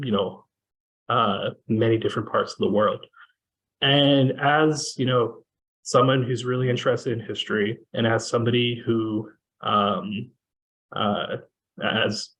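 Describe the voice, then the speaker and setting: A man from Kenya moderating a panel discussion over a video call, talking in a measured way with many fillers. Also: mid-range voice, a bit bright, low-quality recording. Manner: measured, with frequent fillers and restarts.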